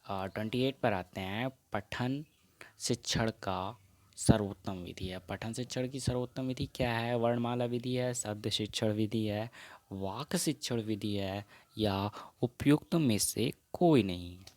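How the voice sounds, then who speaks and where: A man's voice: on the low side, unhurried, darkish tone, no echo. A man teaching an exam practice lesson, reading out quiz questions and answer options one by one and slipping into English phrases.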